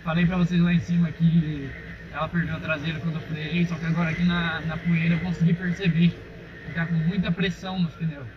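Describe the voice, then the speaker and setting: This young motovlogger speaks Brazilian Portuguese in a slightly high, level voice, a little fast, with a crowd audible in the background. He chats casually with viewers he calls "rapaziada" while riding a dirt road, and his helmet-mounted action camera sounds muffled amid engine and wind noise.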